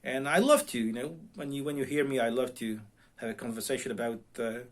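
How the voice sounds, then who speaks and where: In his home radio room, a middle-aged amateur radio vlogger talks casually and unscripted to viewers in his mid-range voice. A self-taught non-native English speaker, he's halting, often pausing to search for words and repeating the starts of words.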